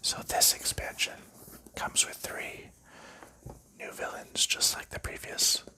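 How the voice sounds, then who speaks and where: With nothing but a soft whisper, a man calmly and slowly unboxes a board game for ASMR, walking through the pieces one after another.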